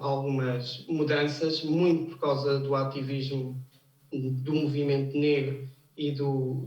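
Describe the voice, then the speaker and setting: A man, an anthropologist guest on a studio talk show, speaking in a measured way with small restarts. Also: a little high, darkish tone. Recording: roomy, distant and slightly dull sound.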